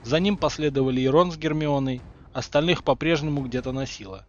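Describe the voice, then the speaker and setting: A man reading a parody story aloud with lively, ironic narration. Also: mid-range voice, a little fast, lo-fi sound. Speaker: reader.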